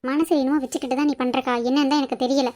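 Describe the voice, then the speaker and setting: A woman's voice: high voice, level tone, racing, a little mellow, lightly acted. A woman voicing a bold younger sister in a cartoon who presses hard for answers. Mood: demanding. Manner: pushy, demanding, scolding. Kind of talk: cartoon voice acting.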